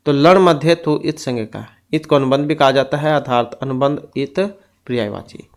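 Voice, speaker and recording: A man explains grammar rules for an exam-prep lesson, his voice sitting at an ordinary middle pitch for a man. He reads out each rule and then goes through its items one at a time, in the steady manner of a teacher. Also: normal speed.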